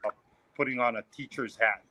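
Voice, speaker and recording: Bright-voiced man, casual and halting. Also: medium pitch, low-quality recording. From Maui, Hawaii. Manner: relaxed, hesitant, many fillers. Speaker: restaurant manager. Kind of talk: casual chat.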